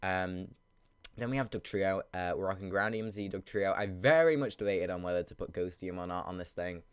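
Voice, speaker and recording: A man with a low voice talks through a game in a casual, rambling way, thinking aloud as he goes. He sounds sniffly and congested from a cold. The recording is very dry, with little room sound. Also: fairly quick, clear, resonant tone, no room sound. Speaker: video game battle commentator. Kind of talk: casual gameplay commentary.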